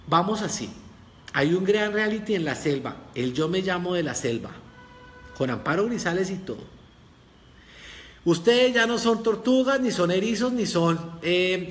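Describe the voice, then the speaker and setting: A man teaching a live online communication class, calling out and reading viewers' comments in a lively way. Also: high-pitched, long reverb tail. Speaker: communication course instructor.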